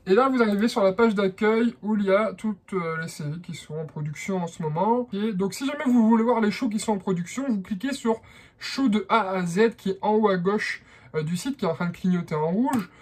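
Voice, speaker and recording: A man's voice: high voice, a little fast. A man from France with a French accent, explaining a how-to in a hesitant vlog style with many fillers. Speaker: vlogger.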